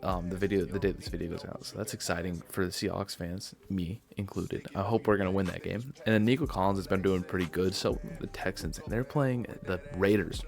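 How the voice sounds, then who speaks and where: A man's voice: low voice, brisk, creaky, hardly any pauses. A man casually giving his weekly sports predictions, tired and yawning, rambling and correcting himself as he goes. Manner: offhand, rambling, self-correcting, yawns while talking. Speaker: sports video host.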